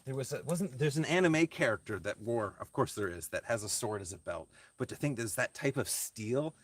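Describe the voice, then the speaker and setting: A man of medium pitch with an expressive voice chats casually on a livestream while working on a craft. He answers viewer comments and thinks aloud in a halting, reflective manner.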